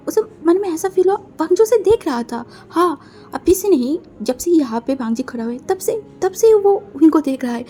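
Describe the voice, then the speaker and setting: A woman's voice: high-pitched, dark tone. A woman narrating a fan fiction story aloud in a casual storytelling manner, mixing in English words.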